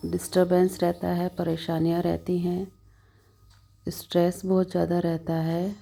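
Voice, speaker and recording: This yoga nidra instructor has a fairly low, gravelly yet mellow and even voice as she narrates a slow guided meditation over music. Calm and soothing, she takes her time, with long silences between brief instructions and a very flat, steady intonation.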